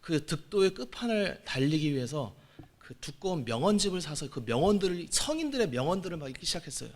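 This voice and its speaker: A man in his forties preaching a sermon as pastor, moving between quiet asides and loud exclamations. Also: a little high, sing-song, fast. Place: church sanctuary.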